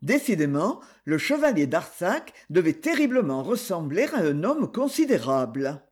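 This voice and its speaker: A man reading a novel aloud as an audiobook narrator, expressive and giving the characters' lines their own tone. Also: fairly high pitch, normal speed, slightly rough. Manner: expressive reading, voicing characters with quoted dialogue. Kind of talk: scripted narration.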